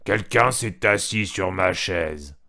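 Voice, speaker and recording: A man voicing a big angry papa bear in a storybook reading, crying out slowly and loudly. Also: creaky, full character voice. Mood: outraged. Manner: slow booming outcry.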